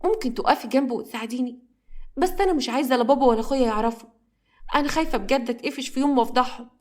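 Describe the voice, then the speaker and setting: A woman with an Egyptian accent voicing a spoiled young girl who steals and then turns remorseful, in a high, emotional voice. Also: racing, darkish tone, close to an everyday voice. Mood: pleading. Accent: Egyptian Arabic.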